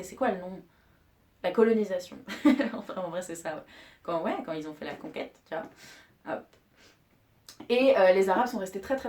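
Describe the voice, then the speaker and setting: A woman's voice: on the low side, darkish tone. A young woman vlogger chatting casually to her viewers in a rambling, slangy way with many fillers and restarts. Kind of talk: casual monthly culture recap to camera.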